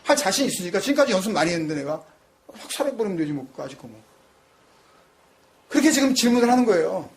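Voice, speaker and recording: A middle-aged male pastor preaching a sermon in an animated way. He acts out quoted voices, puts questions to the congregation and mixes in English phrases. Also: high voice, quick pace, long pauses.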